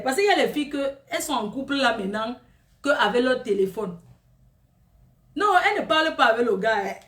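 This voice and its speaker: A woman doing a comic monologue, gossiping and exclaiming in a lively, animated way. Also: a little high, reverberant, distant mic.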